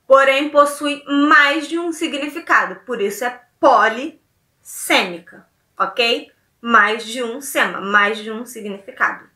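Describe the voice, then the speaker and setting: A woman's voice: high voice, sharp tone, reverberant, recorded from a distance. A woman teacher with a Brazilian Portuguese accent giving a recorded lesson, chatty and often checking in with her students.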